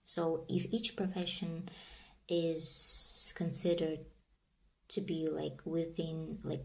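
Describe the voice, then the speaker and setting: A young vlogger whose native language is Kazakh chats casually to camera with a Kazakh accent, her monologue rambling, repetitive and thick with "like" and "you know." Her voice has a fairly low pitch and dark tone, captured in a low-quality recording.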